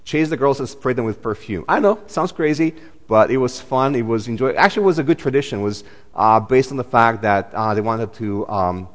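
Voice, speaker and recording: A man's voice: medium pitch, expressive, a little fast, long reverb tail. A man, preaching a sermon in a chatty way, full of fillers and restarts. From Romania. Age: 40s. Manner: conversational, many fillers and restarts. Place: church.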